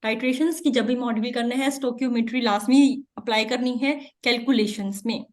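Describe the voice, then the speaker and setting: A woman's voice: a little high, steady tone, fairly quick. A woman giving an exam-prep chemistry lecture, explaining step by step and repeating key terms. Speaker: chemistry teacher.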